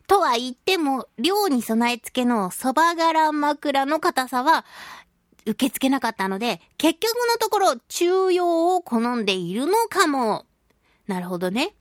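A woman who is a voice actress hosts a chatty radio talk show, reading listener mail close to a studio microphone. Her high-pitched voice swings widely in pitch, unhurried and playfully theatrical with mock-polite phrasing, in a dry recording.

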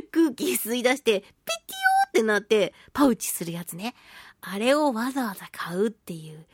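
A woman with a high voice hosts a solo radio talk show, her pitch swinging widely as she reads mail and reacts to it. She's chatty, giggly and playfully over the top, gushing with exaggerated pleading. The sound is close and dry, with no echo.

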